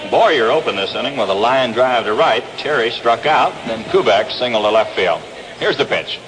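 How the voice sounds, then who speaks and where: Heard on a noisy vintage 1962 radio broadcast from an outdoor ballpark, an American man calls baseball play-by-play in 1960s radio fashion. His medium-pitched voice is animated and moderately paced.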